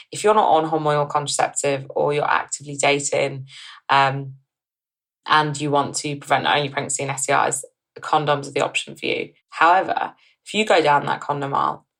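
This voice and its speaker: A woman in her thirties from northern England, a company co-founder, talks chattily in a podcast interview, with frequent ums and restarts. Her voice is low-pitched and gravelly, and the recording quality is low.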